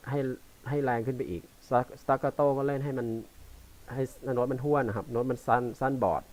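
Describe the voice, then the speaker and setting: A man teaching bass, explaining notation loosely and haltingly between examples played on the instrument. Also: steady tone. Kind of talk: casual instructional talk between playing. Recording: quiet voice under loud bass playing. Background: loud electric bass playing.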